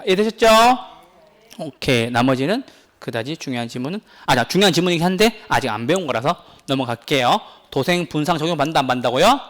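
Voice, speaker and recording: A man teaching a real estate exam prep class, lively and insistent, constantly quizzing his students with questions. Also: medium pitch. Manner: pleading, insistent.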